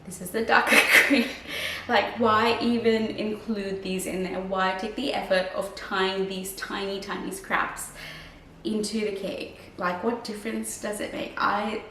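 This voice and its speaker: Woman, croaky voice, casual rambling vlog chat, echoey room, faint noise. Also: mid-range voice, fairly even intonation, a little slow, fairly bright tone. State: croaky voice from oncoming illness. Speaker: crochet vlogger. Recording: roomy, distant mic, faint hiss.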